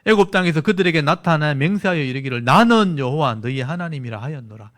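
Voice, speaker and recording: A stern, indignant God scolding the elders, as a man reads the lines aloud. The voice sits a little high and swells louder on the rebukes. It is scripture reading with an angry edge, not full acting. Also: expressive, quick pace.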